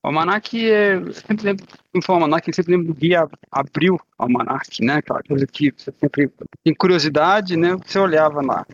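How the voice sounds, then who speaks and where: A man's voice: on the high side, brisk, slight background noise. A Brazilian man chatting casually on a podcast, his voice muffled and gurgling as if spoken underwater through a faulty microphone. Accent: Brazilian Portuguese. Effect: muffled underwater-sounding faulty microphone. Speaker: podcast co-host. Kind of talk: casual chat.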